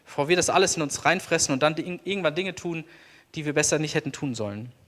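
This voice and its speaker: Male pastor, sermon delivery, earnest and deliberate, slightly high voice, reverberant church. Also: a bit bright. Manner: earnest, slows down for emphasis.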